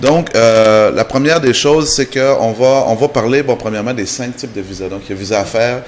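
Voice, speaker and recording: A man's voice: medium pitch, a little fast. Man, TV guest, explains step by step with restarts, faint background noise. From Canada. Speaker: guest, immigration trainer. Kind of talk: TV interview answers.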